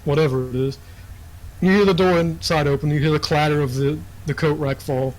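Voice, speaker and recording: A man's voice: fairly high pitch, fairly even intonation, fairly quick, poor audio. Casual young man running a tabletop game. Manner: casual, filler-heavy storytelling. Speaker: dungeon master.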